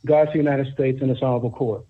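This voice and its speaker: A man's voice: medium pitch, fairly even intonation, breathy edge. A man acting as court crier, opening a court session with a solemn, ritual proclamation. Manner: solemn, measured, ritual cadence. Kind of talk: formal ceremonial proclamation. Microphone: remote call audio. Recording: tinny phone-line audio.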